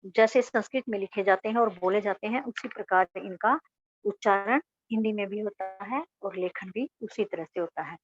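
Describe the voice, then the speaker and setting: A woman's voice: mid-range voice, normal speed, faint music behind. A woman teacher giving a grammar lesson, asking her class questions and answering them herself. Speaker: school teacher. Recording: dull, dry lo-fi recording.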